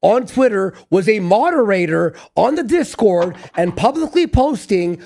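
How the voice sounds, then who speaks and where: A man's voice: high-pitched, expressive, unhurried, vocal fry, warm tone. A man co-hosting a podcast, chiming in with mocking, profane commentary. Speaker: podcast co-host. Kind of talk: casual commentary.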